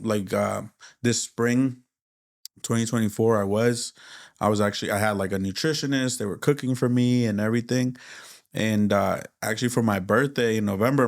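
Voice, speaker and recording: Gravelly low-voiced relaxed man. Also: moderate pace. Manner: relaxed, candid, laughs easily. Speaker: podcast co-host. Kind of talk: casual podcast chat.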